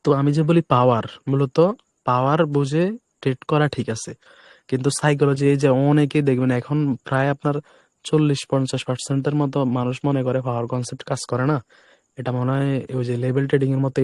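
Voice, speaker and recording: A man with a hoarse, breaking voice teaching a live online class, keeping his voice soft to spare it. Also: medium pitch, little pitch movement, no room sound. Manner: speaks deliberately softly to spare his voice. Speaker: trading instructor.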